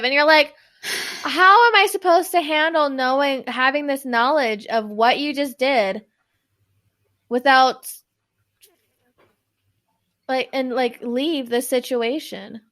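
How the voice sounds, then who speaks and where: Slow and full of pauses, a fairly high, fairly bright female voice walks through a true crime story in loose, casual podcast chat. This co-host rambles, leans on filler words and stumbles over long words; she grew up in New York with Spanish as her first language.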